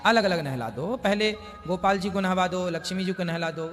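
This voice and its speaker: A man, a spiritual teacher, calmly answering devotees' questions and explaining with everyday examples. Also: high-pitched, a little fast, long reverb tail, a little hiss or hum. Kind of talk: religious question-and-answer discourse.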